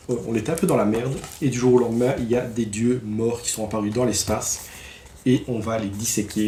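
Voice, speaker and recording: A man's voice: mid-range voice, a little mellow, echoey room, a little hiss or hum. A man casually reviewing new comic releases, enthusiastic and slangy, with lots of fillers and restarts.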